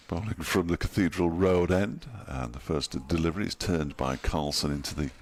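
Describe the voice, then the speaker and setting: A man calls cricket ball by ball with a dry, joking edge. His voice sits extremely low and rumbling, and his delivery stays relaxed and chatty. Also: normal speed. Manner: dry, wry and chatty, chuckles at his own jokes. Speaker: cricket commentator. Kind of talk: ball-by-ball radio-style commentary.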